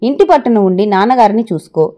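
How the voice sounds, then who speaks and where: A woman's voice: medium pitch, animated, fast, mellow, close to an everyday voice. A woman voicing a proud young husband in a family quarrel, talking sharply and reproachfully. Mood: resentful.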